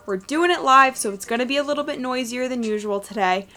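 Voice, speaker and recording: A woman's voice: high-pitched, fast talker, bright, forceful tone. A woman hosting a casual chat podcast, chatty and laughing often, recorded live in a busy room. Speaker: podcast host. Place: busy room at a live pre-game party. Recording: noisy room.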